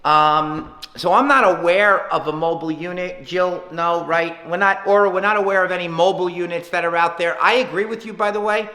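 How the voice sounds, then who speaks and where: A town official answering questions on a conference call, his voice bright and a touch high for a man. He speaks earnestly, leaning on his points and counting them off one by one. The line carries a hollow, roomy echo. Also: steady tone, brisk, few pauses. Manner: earnest, emphatic, lists points by number. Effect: heard over a conference call line. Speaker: town official leading a public teleconference. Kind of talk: public Q&A answers.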